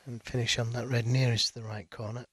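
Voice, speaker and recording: A man giving hushed live snooker commentary in a measured, analytical and understated way. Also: medium pitch, little pitch movement, husky, no room sound, clean studio sound.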